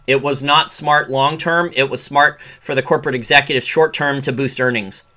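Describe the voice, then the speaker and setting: A man's voice: medium pitch, fairly even intonation, moderate pace, pushed and bright. A man giving solo commentary, reading from a report and breaking off into sarcastic rants. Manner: sarcastic, ranting asides. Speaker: finance commentator.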